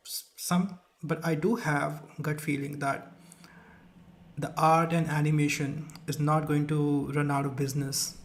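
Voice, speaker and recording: A young man with an Indian accent, whose first language is Rajasthani, chats casually while hosting a live stream. His voice is a little high, with a bit of hiss or hum in the background. He sounds hesitant, using many fillers and often restarting.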